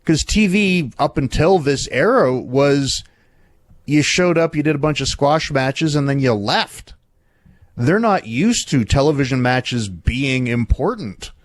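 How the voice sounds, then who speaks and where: A man's voice: medium pitch, animated, a little slow, no room sound. A man in a casual podcast chat who explains background and recalls details.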